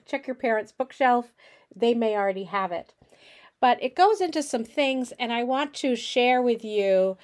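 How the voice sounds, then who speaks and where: Chatty woman giving a casual lecture. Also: mid-range voice. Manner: chatty, many fillers and restarts. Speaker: college instructor.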